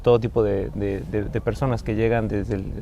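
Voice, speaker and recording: Young Mexican man, mellow, measured. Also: fairly low pitch, little pitch movement, gravelly, highs cut off, slight background noise. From Mexico City. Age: young adult. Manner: thoughtful, measured, with some restarts. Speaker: podcast guest.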